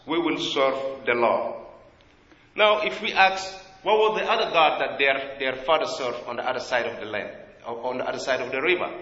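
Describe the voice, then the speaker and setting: A man from South Sudan with a South Sudanese accent preaching a sermon in a church, earnest and halting as he searches for words. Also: fairly high pitch, bright, forceful tone. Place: church in America. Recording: echoey hall, dull lo-fi sound.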